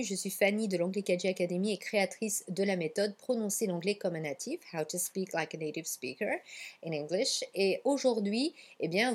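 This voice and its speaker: Mellow, husky teacher woman. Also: mid-range voice. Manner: chatty, encouraging, mixes English phrases into French. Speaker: English pronunciation teacher. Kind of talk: online language lesson.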